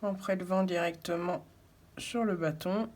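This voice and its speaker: A woman narrating her coloring tutorial casually, soft-spoken and absorbed in her work, often murmuring to herself. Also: lowish voice, unhurried. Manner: absorbed, narrating each step as she works. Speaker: coloring video creator.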